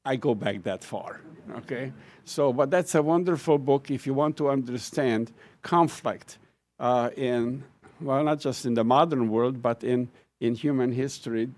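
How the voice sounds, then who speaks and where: An older Hungarian man with a Hungarian accent, a retiring professor, tells a lecture audience wry, self-deprecating stories about his life. His voice is medium-pitched and darkish in tone, and he speaks at a measured pace, reminiscing personally at the lecture event.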